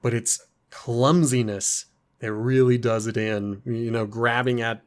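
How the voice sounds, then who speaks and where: Male podcast co-host, slow and deliberate delivery, animated with sudden high jumps in pitch when excited, laughs easily. Casual film discussion.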